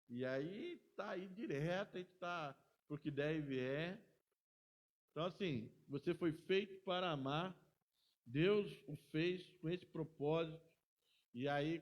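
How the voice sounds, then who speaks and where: Chatty male pastor teaching Bible class. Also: a little high. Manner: chatty, tags sentences with "né?".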